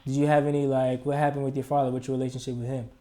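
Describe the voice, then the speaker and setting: Mellow-voiced man hosting an interview. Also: mid-range voice, little pitch movement, racing. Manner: easygoing, loose questioning. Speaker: interview host. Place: recording studio.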